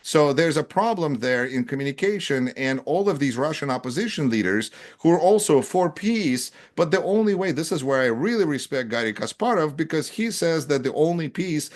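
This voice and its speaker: A man hosting a political talk show, talking in an animated, sarcastic way and acting out the people he quotes. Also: on the high side, moderate pace, hardly any pauses. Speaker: host.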